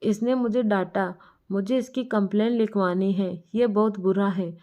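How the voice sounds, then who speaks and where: A woman voicing a drunk, tearful young woman who talks slowly and sulks like a child. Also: medium pitch, fairly even intonation, dark tone, close to an everyday voice. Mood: tearful complaining. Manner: slow slurred complaining. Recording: muffled lo-fi recording.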